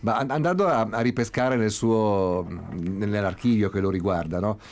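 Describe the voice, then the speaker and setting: A man's voice: lowish voice, moderate pace, a little mellow. A man in his fifties hosting a casual radio chat in a studio. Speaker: radio host. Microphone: studio mic, headphones.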